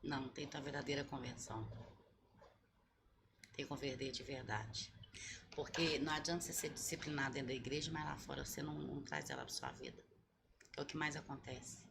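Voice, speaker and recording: A woman's voice: rumbling low, animated, quick pace, creaky, background noise. A woman pastor giving earnest, teaching answers in an interview, often repeating her key points. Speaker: pastor, guest. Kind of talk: sermon-like answers in a podcast interview.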